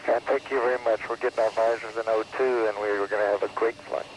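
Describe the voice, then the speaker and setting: A man's voice: fairly low pitch, steady tone, quick pace. A male astronaut giving clipped, procedural callouts over a crackly air-to-ground radio link that keeps breaking up. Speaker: astronaut crew member. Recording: noisy, distant space-to-ground radio link.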